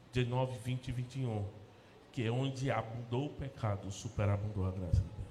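A male pastor with a Brazilian Portuguese accent delivers a sermon, swinging between loud, emphatic peaks and soft, low asides. His voice rings through a large church hall with a long, roomy reverb. A faint hum of ambience sits underneath. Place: church sanctuary.

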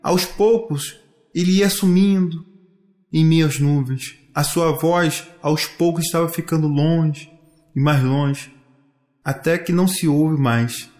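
Man reading a storybook slowly. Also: fairly high pitch, a little mellow. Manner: slow, deliberate storytelling with repetitions. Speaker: narrator. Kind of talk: storybook narration. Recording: echoey room.

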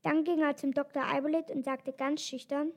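Woman reading a children's story, high voice, calm, steady. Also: moderate pace.

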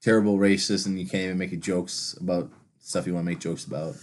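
A man's voice: low-pitched, fairly even intonation, fast talker. A man in casual podcast banter, blunt and full of needling questions, recorded through a laptop's built-in microphone. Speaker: podcast co-host. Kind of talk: casual unscripted podcast chat. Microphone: built-in laptop microphone, no studio gear.

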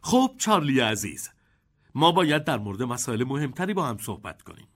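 A man's voice: medium pitch, big pitch swings, fairly bright tone, voice pushed down. A man voicing an eccentric, kindly old chocolate maker in an audiobook, with a theatrical, chuckling delivery.

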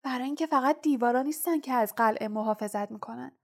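Brief: woman voicing a clever, anxious teen girl, quick lecturing tone, fairly high. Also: darkish tone. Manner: quick, know-it-all lecturing. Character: clever anxious teenage schoolgirl.

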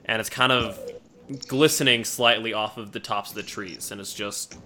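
A man improvising narration as a tabletop game master in a halting, descriptive way. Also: on the low side, fairly even intonation, pushed and bright, a little hiss or hum.

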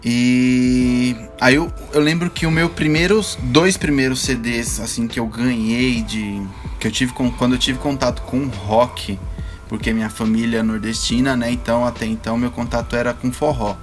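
A man's voice: mid-range voice, steady tone, normal speed, soft background music. A man with a Brazilian Portuguese accent chatting casually and informally, using plenty of slang. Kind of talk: casual chat.

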